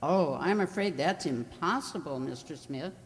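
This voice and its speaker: A man's voice: fairly high pitch, lively intonation, normal speed. Man as prim bank teller, echoey hall. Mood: polite, prim. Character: prim, polite, matter-of-fact bank teller. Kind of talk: radio play acting. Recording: echoey hall, long reverb.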